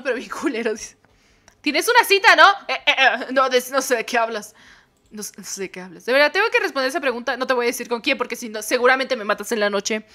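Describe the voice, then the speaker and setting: A woman's voice: fairly high pitch, pushed and bright. A young woman with a Mexican accent, reading a dating game aloud and reacting with playful squeals and joking swears. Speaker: gamer.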